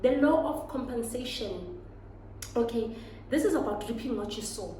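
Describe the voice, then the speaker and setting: A woman's voice: fairly high pitch, expressive, moderate pace, dark tone, roomy sound, far from the mic, slight background noise, rough recording. A young South African woman giving an emphatic, preachy motivational talk and switching between English and Zulu phrases. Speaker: motivational vlogger.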